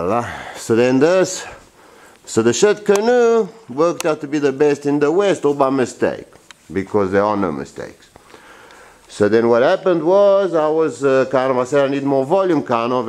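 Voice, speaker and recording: A man in his forties giving a rambling, blunt workshop tour in a large wooden boat shed, filming himself with a handheld camera. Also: on the low side. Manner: rambling, blunt and animated, with many restarts. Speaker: boatbuilder vlogger. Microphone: handheld camera at arm's length.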